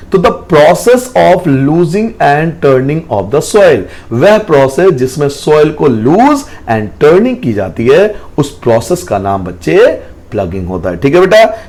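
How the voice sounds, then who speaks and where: A man's voice: on the high side, darkish tone. A man teaching a school science lesson, explaining patiently, repeating key points and addressing students affectionately. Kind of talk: classroom lesson.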